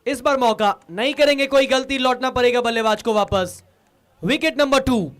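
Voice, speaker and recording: A man giving excited live cricket commentary as a match commentator, with dramatic, punchy calls. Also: very high-pitched, normal speed. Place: commentary box at a cricket ground.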